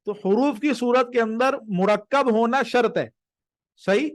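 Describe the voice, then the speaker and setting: Man, teacher, live grammar lesson, fairly high voice, patient, repeats and checks understanding, dry sound. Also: dry recording. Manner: slows to stress each word of definitions.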